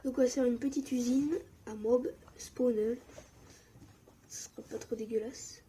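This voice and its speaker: Excitable young woman gaming, mellow tone. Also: on the high side, a little slow, a little hiss or hum. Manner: excitable, often drops to a mumble or whisper. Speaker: gaming YouTuber. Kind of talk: casual Minecraft commentary.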